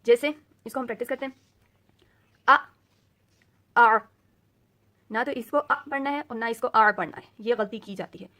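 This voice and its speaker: A woman's voice: on the high side, a bit bright. Patient woman teaching letter sounds. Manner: slow, patient explaining, repeating letter sounds for drills; mixes English words into her teaching. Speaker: Quran reading teacher. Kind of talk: recorded tajweed lesson.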